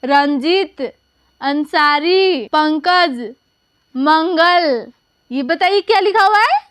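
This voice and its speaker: A woman teaching a slow classroom spelling lesson, drawing out each letter and asking and answering her own questions. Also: very high-pitched, lively intonation, fairly bright tone, no echo.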